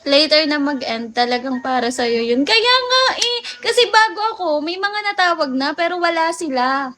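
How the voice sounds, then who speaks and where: A woman's voice: sits high, expressive, moderate pace, sharp tone. A woman from the Philippines chatting casually with viewers on a late-night phone livestream, telling stories and laughing often.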